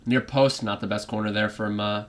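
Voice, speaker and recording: A fan streaming a live football match reaction, this man rambles in a put-on British accent, full of fillers and restarts and drifting off topic. His voice is on the low side with fairly even intonation and a moderate pace.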